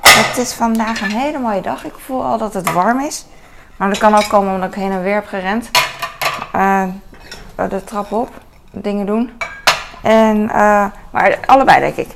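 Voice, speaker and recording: Chatty woman with a gravelly voice. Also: mid-range voice, steady tone, moderate pace, pauses often, background noise. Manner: rambling, many fillers and restarts, mixes in English phrases. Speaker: vlogger. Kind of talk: casual chat while tidying the kitchen. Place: home kitchen. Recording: kitchen clatter of dishes and cutlery.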